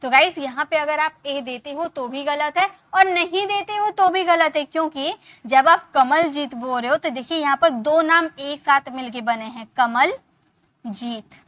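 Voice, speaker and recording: A woman from India giving an online lesson as an English teacher, patiently explaining and often checking that the point is clear. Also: high voice, normal speed, a bit bright. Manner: patient, repeats points with frequent check-ins.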